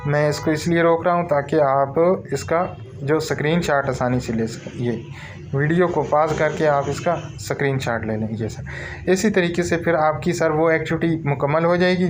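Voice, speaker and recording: A man with a Pakistani Urdu accent giving a screen-recorded tutorial walkthrough, repetitive and calling his listeners sir. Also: on the high side. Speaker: online course tutor.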